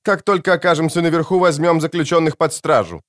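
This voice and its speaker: A man's voice: on the high side, fast, a bit bright, pitched above the performer's own voice, natural voice. A man voicing a stern female prison warden who gives clipped orders while barely hiding panic, in a home-made audiobook. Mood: tense, clipped.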